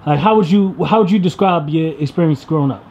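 A man's voice: a little high, fast talker, darkish tone. A man asking pointed questions as the interviewer in a casual podcast chat. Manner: probing, asks pointed questions. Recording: dull, noisy off-screen audio.

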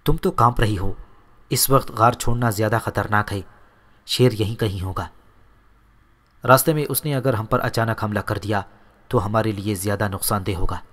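A man voicing a brave young male warrior who gives calm, firm orders to his family. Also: lowish voice, pauses often. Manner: firm, commanding.

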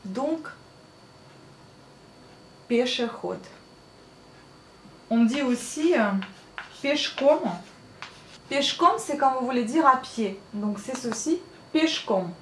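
Slow, patient woman teaching vocabulary. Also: high-pitched, lively intonation, slight background noise. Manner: slow, repeats each word carefully. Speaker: Russian language teacher. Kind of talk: casual spoken lesson. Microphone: writes on a small slate while talking. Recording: echoey room, faint ambience.

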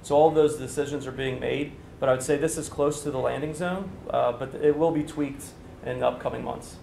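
A man in his forties, working as a construction official, takes press questions in a conference room, with a standing mic and a TV camera present. He answers in an explanatory, businesslike way with many fillers, fairly quickly. His voice is medium-pitched, creaky and warm, with fairly even intonation, and the echoey room has slight background noise.

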